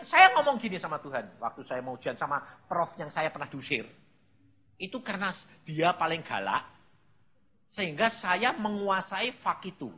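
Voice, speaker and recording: A man, preaching a sermon through humorous, animated storytelling. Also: sits high. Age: 80s. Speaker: evangelist preacher. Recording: dull lo-fi sound.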